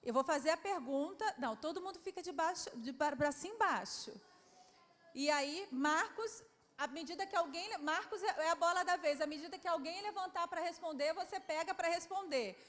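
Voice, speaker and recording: A Brazilian historian with a very high, slightly bright voice hosts a lively quiz for schoolchildren at a public event, speaking at a moderate pace. Affectionate and coaxing, she calls the children "my love". The hall is reverberant, with faint background noise.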